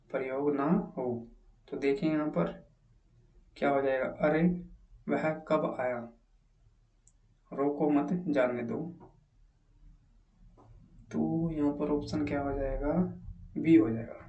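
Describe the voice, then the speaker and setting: A man's voice: on the high side, dark tone, recorded from a distance, highs cut off. Male teacher solving exam questions in an echoey room. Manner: reads each question aloud, then asks and answers it himself. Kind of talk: exam answer walkthrough. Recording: echoey room, mic set back.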